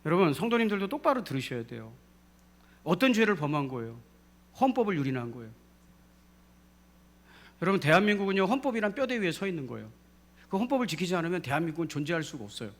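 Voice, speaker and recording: Emphatic man preaching a lively sermon. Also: on the high side, fast talker, pauses often. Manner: call-and-response preaching, rising to emphatic peaks. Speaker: pastor. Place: church sanctuary.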